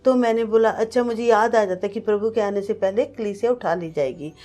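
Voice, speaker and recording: A woman's voice: mid-range voice, a little fast, dark tone, faint music behind. Earnest woman telling a vivid testimony. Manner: earnest, vivid storytelling mixing in English words. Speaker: guest sharing a testimony. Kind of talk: emotional personal testimony to a pastor.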